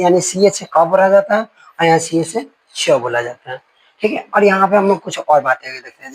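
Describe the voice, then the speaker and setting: A man teaching a grammar lesson, his voice sitting a little high with a husky edge. He explains through homely comparisons and keeps checking that the class follows along. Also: low-quality recording. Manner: explains with folksy analogies and asides, checking in often.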